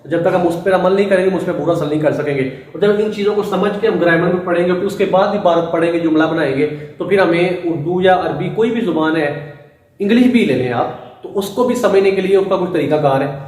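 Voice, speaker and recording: Heard from a distant mic in a heavily echoing room, this high-pitched man with a somewhat dark tone teaches Urdu and Arabic in a classroom. He works through the material slowly, one step at a time, checking in again and again with "ٹھیک ہے؟".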